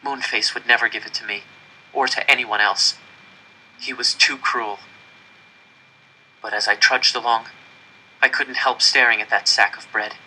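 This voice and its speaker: A man reads a story aloud audiobook-style, delivering dramatic first-person narration in an earnest, suspenseful way. His medium-pitched voice is very bright and forceful. The recording is poor, with a little hiss or hum.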